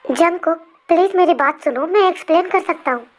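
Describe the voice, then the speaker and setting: A woman's voice: extremely high pitch, brisk. A woman voicing a remorseful young man who pleads with his lover, in an emotional fan storybook reading. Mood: pleading.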